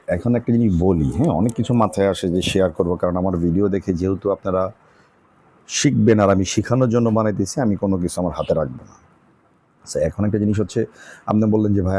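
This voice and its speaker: Deep-voiced, mellow man teaching trading. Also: husky. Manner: chatty, repeats points, many fillers. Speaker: trading tutor. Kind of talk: casual screen-recorded trading lesson.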